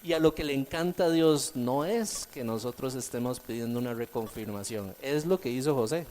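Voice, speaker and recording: A man preaching a sermon, swinging between emphatic and soft delivery and repeating key phrases for emphasis. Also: mid-range voice, moderate pace, slight background noise.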